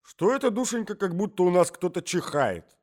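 A man's voice: high voice, very animated, moderate pace, darkish tone, voice pushed up. A man voicing a doddering, fussy old husband who talks in a sing-song way and breaks into coughing fits. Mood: cooing. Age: older.

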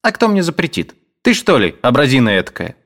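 A sharp-tongued housekeeper scolds and snaps in a raised, pushed-up voice, as a man puts her on. She sounds gruff and impatient, in a storybook reading. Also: medium pitch, huge pitch swings, a little fast, pitched above the performer's own voice. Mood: scolding. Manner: scolding, snapping.

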